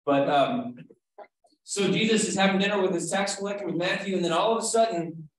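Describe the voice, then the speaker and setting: Speaking fairly quickly in a high-pitched voice, a man teaches a casual Bible study over a video call, with a little hiss or hum and a very echoey room. He talks conversationally, questions the group, and says "right?" often.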